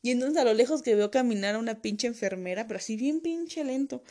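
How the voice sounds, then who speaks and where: A woman's voice: fairly high pitch, fast talker, dark tone. A woman with a Mexican accent telling a funny personal anecdote, crude and slangy, full of swearing. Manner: crude, profanity-laced, slangy storytelling.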